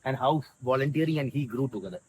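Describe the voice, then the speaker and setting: A man's voice: medium pitch, animated, quick pace, slight background noise, low-quality recording. A man with a South Indian accent telling a story conversationally as a guest in an interview. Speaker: interview guest, volunteer community organiser.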